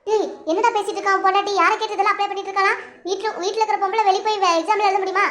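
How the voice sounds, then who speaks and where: A woman's voice: very high voice, little pitch movement, very fast, a bit bright, slight background noise. A woman voicing a harsh, scolding mother-in-law in a cartoon, bossy and contemptuous.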